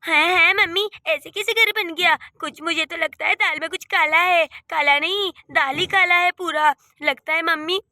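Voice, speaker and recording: A woman's voice: very high voice, steady tone, sharp tone, no echo, studio quality, exaggerated voice. A woman voicing a spoiled, boastful young woman in a cartoon who teases her sister-in-law. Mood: complaining. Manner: teasing, boastful, fast. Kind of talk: Hindi cartoon voice acting.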